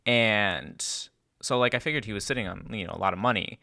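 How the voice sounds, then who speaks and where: Bright-voiced young man chatting. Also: lowish voice, creaky. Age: young adult. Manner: animated, talks in quick rambling bursts. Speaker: podcast co-host. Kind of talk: casual chat.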